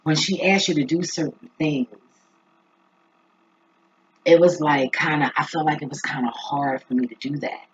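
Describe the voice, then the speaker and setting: A vlogger with a husky voice talking casually and reflectively to viewers, halting and thinking aloud. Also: medium pitch, steady tone, slight background noise. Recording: dull lo-fi recording.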